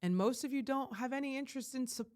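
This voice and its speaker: A woman life coach giving an emphatic, rambling vlog monologue that surges to loud, heated peaks. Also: sits high, fast talker. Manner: rambling with frequent restarts.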